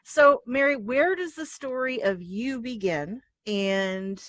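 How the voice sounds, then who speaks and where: A talk show host, this woman speaks in a fairly high voice. She is effusive and animated, laughing easily. The sound is dry and close. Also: takes it slowly, dry recording. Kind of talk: casual interview chat.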